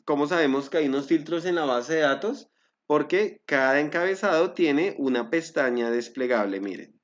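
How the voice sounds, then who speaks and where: A man teaching a step-by-step software tutorial, guiding viewers with frequent fillers and self-corrections. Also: mid-range voice. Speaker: Excel instructor. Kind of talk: screen-recorded software tutorial.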